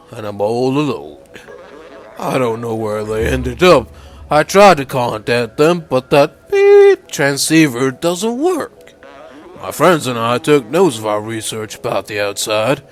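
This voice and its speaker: A man voicing a lonely, despondent male robot in a mournful old-man voice, reading game dialogue aloud. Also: mid-range voice.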